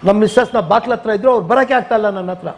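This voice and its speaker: Gravelly high-voiced older Kannada man. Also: rapid-fire. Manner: vivid retelling, switches into English quotes. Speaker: retired police officer. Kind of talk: interview storytelling.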